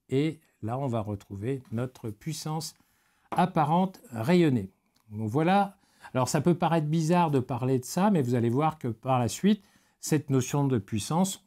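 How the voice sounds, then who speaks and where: A man from France leads a technical webinar lecture with a warm, darkish tone and a middling pitch. He explains step by step, pausing on fillers and dropping joking asides along the way. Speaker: technical specialist presenter.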